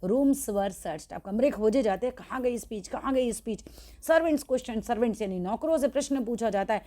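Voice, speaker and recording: A woman with an Indian accent teaching an English chapter, reading each line slowly and explaining it in Hindi. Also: fairly high pitch, expressive, mellow. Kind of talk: bilingual classroom lesson.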